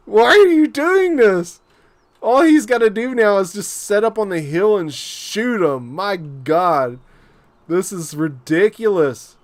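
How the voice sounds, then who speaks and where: A man commentating a strategy game battle for his channel, excitable and incredulous, often stammering and repeating himself. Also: on the high side.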